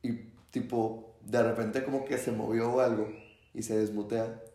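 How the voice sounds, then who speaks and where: A man's voice: medium pitch, normal speed, reverberant. Young guy telling a story. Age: young adult. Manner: animated storyteller, acts out shouts and quotes. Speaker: student. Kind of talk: casual storytelling chat.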